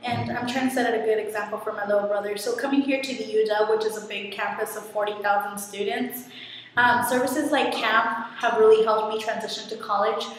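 A woman's voice: on the high side, steady tone, a little fast, recorded from a distance. A young woman student gives an earnest, encouraging testimonial to a laptop webcam in a small room. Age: young adult. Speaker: first-generation college student. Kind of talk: short testimonial to camera. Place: small dorm room, indoors. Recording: echoey room, from the mic, faint hiss.

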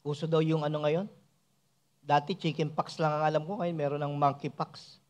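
A man with a high-pitched voice preaches a sermon as a church elder. He keeps tagging his points with rhetorical asides to the congregation. He shifts between soft asides and raised, emphatic preaching. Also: little pitch movement, normal speed. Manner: frequent rhetorical "no?" and "mga kapatid ko" asides.

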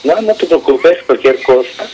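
A man's voice: on the high side, expressive, normal speed, noisy background. A man from Mexico City with a Mexican accent, talking hesitantly on a call and often adding "right?". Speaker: prank-call target.

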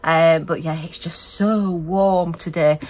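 A woman's voice: sits low, steady tone, slow pace, darkish tone. A middle-aged woman from the UK, chatting casually and gushing as she unboxes and reviews craft kits. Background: a small fan humming.

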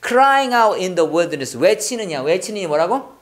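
A man, a pastor, teaching Bible memorization in English. He recites verses very slowly for repetition and quizzes his students with quick questions in between. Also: high-pitched, sing-song. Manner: slow drilled English recitation between quick Korean explanation. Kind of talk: call-and-response Bible English lesson.

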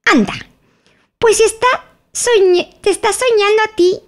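A woman voicing a boastful, teasing twin brother in an audiobook, in a high squeaky voice. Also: measured pace. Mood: smug. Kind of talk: audiobook character voice.

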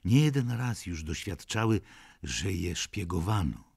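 A male narrator reading a classic novel at an unhurried, deliberate pace. His voice is low and gravelly, with a husky edge, and he reads in a measured, dramatic way. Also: very animated, darkish tone. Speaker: audiobook narrator.

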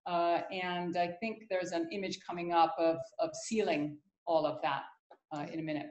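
A middle-aged woman talking in a casual panel discussion, pausing often with fillers over a video call. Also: fairly low pitch, little pitch movement, a little mellow, muffled recording. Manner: hesitant, many fillers. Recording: echoey room on a video call.

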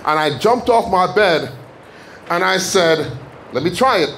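A man from Jamaica preaching in a church, giving a fervent testimony that builds to shouted declarations. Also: high voice, animated, unhurried, slight background noise. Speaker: guest preacher. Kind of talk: sermon testimony. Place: church sanctuary.

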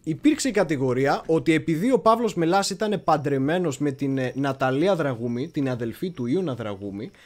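A man's voice: on the high side, animated, hardly any pauses. A man hosting a casual history livestream, chatty and digressive, often stopping to search for words. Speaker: history channel host.

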